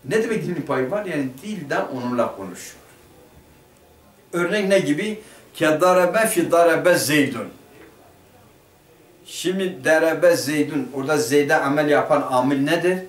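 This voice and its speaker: A man's voice: fairly high pitch, moderate pace, pauses often. A man teaching a grammar lesson, asking the class questions and then answering them himself. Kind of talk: Turkish madrasa lesson explaining a grammar text. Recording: roomy classroom picked up from a distance.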